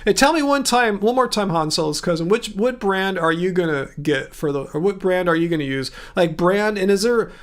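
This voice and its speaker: A man's voice: high-pitched, animated, a little fast, hardly any pauses. A man hosting a casual livestream, reading viewer comments aloud and answering them in a rambling, chatty way. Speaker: livestream host. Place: home room.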